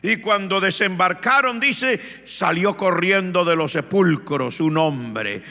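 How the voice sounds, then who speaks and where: A male pastor from Colombia preaching a sermon with dramatic storytelling that rises into shouts. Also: sits high, lively intonation, slow pace. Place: church. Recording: reverberant church hall.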